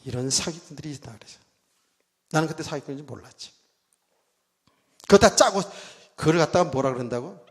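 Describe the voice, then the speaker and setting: Animated Korean pastor in echoing church. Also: male voice, a little high, fairly quick, pauses often. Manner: animated storytelling, mimics a revival preacher shouting. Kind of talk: sermon. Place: church sanctuary. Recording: church hall reverb.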